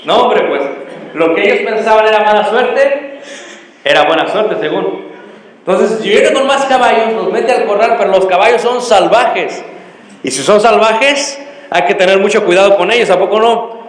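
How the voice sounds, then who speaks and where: A man's voice: high voice, moderate pace. A middle-aged man preaching a storytelling sermon and quizzing the congregation with fill-in questions. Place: church hall. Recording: echoey hall with long reverb.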